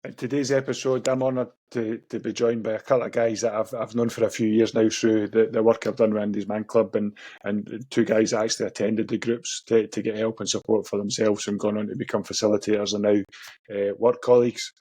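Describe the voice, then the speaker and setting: A man's voice: lowish voice, level tone, a little fast, dark tone, husky, no echo. A man with a Scottish accent hosting a podcast in an informal, matey, chatty way. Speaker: podcast host. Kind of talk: casual chat, interviewing.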